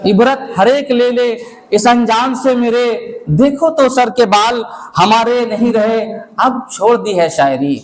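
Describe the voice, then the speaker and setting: A man's voice: extremely high pitch, slow pace, a little hiss or hum, low-quality recording. A man reciting humorous poetry on stage at a live poetry gathering, repeating each verse and chatting with the audience between them. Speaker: comic poet.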